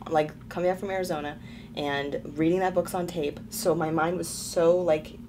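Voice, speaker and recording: A young woman co-hosting a podcast, talking in a relaxed way full of fillers. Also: fairly low pitch, normal speed, noisy background. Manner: relaxed, filler-heavy chat. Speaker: podcast co-host. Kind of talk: casual chat.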